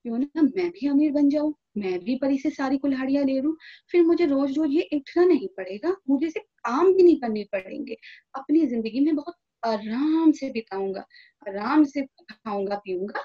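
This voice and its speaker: A woman's voice: high voice, expressive, normal speed. A woman voicing a greedy, scheming young male woodcutter who whines and wails, on a dull lo-fi recording. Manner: whiny, wailing complaints.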